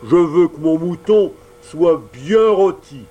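A man voicing a gruff, bearded male puppet-show boss who booms his words and breaks into sneezing fits in a storybook reading. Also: lively intonation, takes it slowly, mellow.

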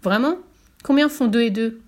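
A woman's voice: on the high side, normal speed, a little mellow, close to an everyday voice. A woman voicing a grumbling old male Saint Peter who mocks and quizzes. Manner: grumbling, mocking, testing.

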